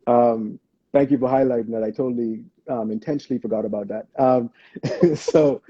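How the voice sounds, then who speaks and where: Dark, husky-voiced male podcast host. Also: mid-range voice, moderate pace, dry recording, highs cut off. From Bahamas. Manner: affirming and reflective, often praising the guest. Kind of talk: casual interview chat.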